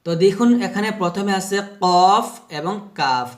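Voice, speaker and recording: A man teaching how to pronounce Arabic letters, explaining slowly, repeating himself and sounding out each letter to demonstrate. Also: high-pitched, expressive. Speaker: Quran recitation teacher.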